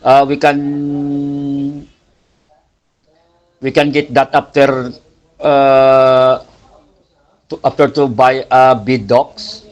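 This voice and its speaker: A man on a video call, speaking haltingly as a bidder while his garbled connection keeps cutting out. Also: medium pitch, flat delivery, lo-fi sound. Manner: halting, searching for words. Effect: garbled video call audio cutting out. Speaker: prospective bidder asking questions. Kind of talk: online public meeting.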